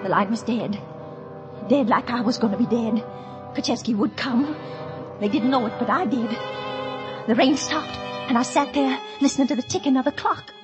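An actress playing a hysterical, scheming wife who stammers and pleads, in 1940s radio acting. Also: female voice, a little high, moderate pace, natural voice. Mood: narrating. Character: frantic, scheming wife, a narrator recalling her night. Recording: old radio drama with music behind.

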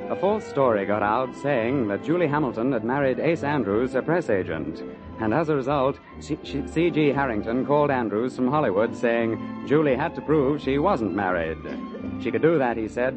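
Casting: male old-radio narrator, medium pitch, scripted delivery, clear music behind, muffled recording. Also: lively intonation, moderate pace. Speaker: announcer and narrator.

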